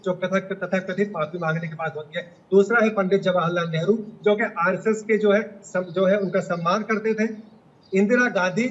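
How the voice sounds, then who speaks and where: A combative man debating on a TV panel, his voice pitched high and fired out in rhetorical questions. He talks over the others and won't yield. The feed sounds dull and lo-fi. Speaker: political panelist. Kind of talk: heated TV debate.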